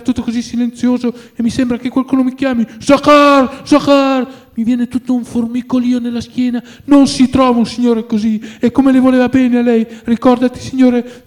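A man's voice: a little high, dark tone, close to an everyday voice. A man voicing a poor old male servant who grumbles, sighs and laments in a plaintive, pious way.

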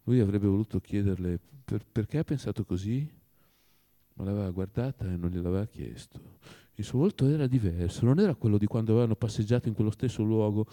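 A man narrating a classic novel as an audiobook, with expressive storytelling. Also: medium pitch.

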